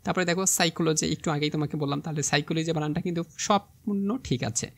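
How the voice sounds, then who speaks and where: A man's voice: on the high side, rapid-fire. A young man with a Bangladeshi Bengali accent teaching an exam vocabulary lesson, spelling words out step by step and checking in with his students often.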